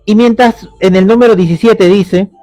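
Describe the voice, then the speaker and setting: Male pastor, high voice, chatty sermon, rhetorical questions, dry close sound. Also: moderate pace, mellow, dry recording, faint music behind. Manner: conversational preaching, rhetorical questions, tag "¿no?".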